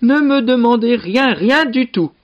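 A man's voice: very high-pitched, expressive, a little slow, voice pushed up. A man voicing a simple-minded, chattering young peasant brother who is naive and eager. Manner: naive and eager, blurts things out. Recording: dull lo-fi recording.

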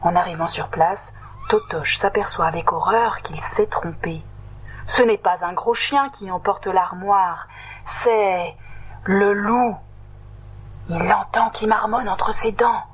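Slow gentle woman storyteller. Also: medium pitch, breathy edge, rough recording. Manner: gentle, unhurried reading. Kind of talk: children's storybook narration.

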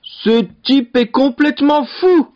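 A furious, bullying lord barks his orders in a loud, raised voice, as a man reading a storybook puts him on. The tone is husky and domineering, and the recording sounds dull and lo-fi. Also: a little high, sing-song, normal speed, voice pushed up.

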